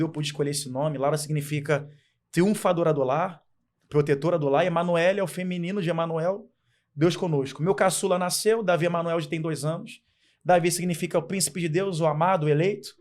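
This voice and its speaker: A young Brazilian man tells a heartfelt faith testimony in an earnest, repetitive way. His voice sits a bit high for a man and carries sincere feeling throughout. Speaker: guest telling his testimony.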